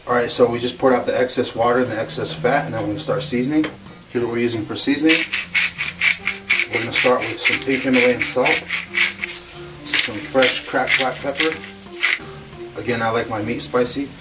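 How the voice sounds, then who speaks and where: A man with a middle-pitched voice talks viewers through a cooking tutorial in a home kitchen, relaxed and chatty. He sounds a bit off from the mic, and music plays clearly behind him. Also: far from the mic. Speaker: cooking vlogger.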